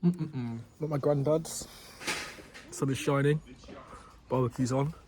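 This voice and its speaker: Holding his phone as he wanders his grandparents' house and garden, a vlogger in his 20s chats casually, rambling and often starting sentences over. His medium-pitched delivery is flat and unhurried, and background noise comes through.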